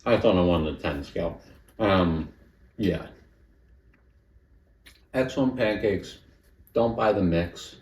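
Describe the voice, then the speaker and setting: A man's voice: low voice, slow, pauses often, a little mellow, echoey room, recorded from a distance, poor audio. A man hosting a home cooking vlog, chatty and self-critical, talking between bites as he cooks and tastes. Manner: chatty, self-critical, talks while eating. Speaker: home cooking channel host. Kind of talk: casual cooking vlog with tasting.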